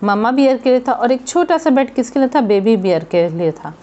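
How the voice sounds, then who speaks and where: A woman teacher explaining a children's story in a slow, patient way, often checking in with her pupils. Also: fairly high pitch, animated, dark tone, dull audio. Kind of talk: textbook lesson explained in Hindi with English read-aloud.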